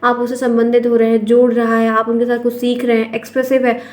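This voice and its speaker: A woman's voice: a little high, completely flat delivery, fast, a little mellow. A woman teacher with an Indian accent, explaining exam questions step by step and calling her viewers friends. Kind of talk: exam-prep lesson.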